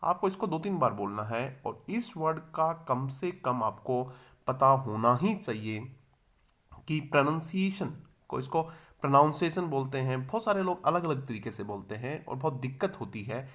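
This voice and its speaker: A man teaching English pronunciation in a video lesson. He spells words letter by letter, sounds them out slowly and repeats them, and asks the viewer questions that he then answers himself. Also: mid-range voice, sing-song, fairly bright tone.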